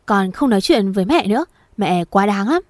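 A woman's voice: mid-range voice, lively intonation, brisk, no echo, studio quality, close to an everyday voice. A woman voicing a frustrated young man arguing with his mother. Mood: exasperated. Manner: pleading, exasperated.

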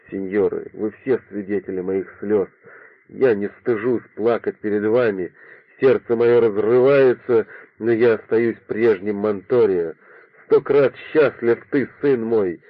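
A man's voice: lowish voice, dry recording. A man reading an audiobook voices an older, dignified father holding back his grief in a solemn, restrained way, on a dry, phone-like recording. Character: stoic grieving old nobleman, dignified father. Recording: dry, phone-like narrow sound.

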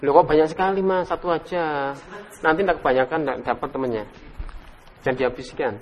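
A male Islamic teacher runs an interactive Arabic lesson, questioning students one at a time, praising what they answer, and drawing out the drill words slowly. His voice sits fairly high for a man and echoes through a hall with long reverberation.

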